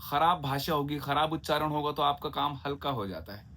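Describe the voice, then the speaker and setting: This diction teacher has a bright, forceful voice on the high side, with slight background noise. He gives a Hindi diction lesson, drawing out each example word and enunciating it with care. Chatty throughout, he checks in with listeners by asking "ठीक है?" and "है ना?".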